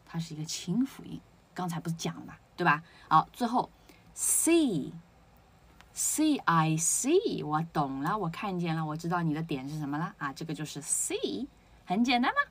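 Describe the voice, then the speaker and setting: Woman, pronunciation teacher, husky voice, animated pitch, drills words aloud. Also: fairly quick. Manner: explains step by step, asks rhetorical questions, drills words aloud. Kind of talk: spoken lesson.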